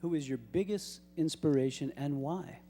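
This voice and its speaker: A male host running an audience question session, upbeat and brisk, in a large church hall. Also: a little high, warm tone. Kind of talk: hosting audience Q&A. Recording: reverberant hall with crowd noise.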